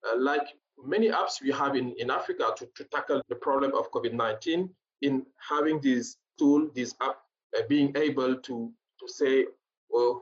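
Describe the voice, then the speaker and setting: A man speaking on a panel, hesitant, often repeating words and filling pauses with uh. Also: mid-range voice. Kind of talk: panel discussion remarks. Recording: dull lo-fi sound.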